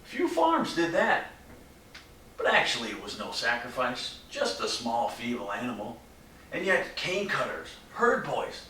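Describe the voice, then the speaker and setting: A brooding, haunted man, played by an actor speaks a dramatic monologue, his measured, hushed delivery breaking into urgent bursts. His voice is bright and swings widely in pitch. He is recorded at some distance from the mic in an echoey room. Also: slight background noise. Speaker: stage actor. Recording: roomy echo from mic distance.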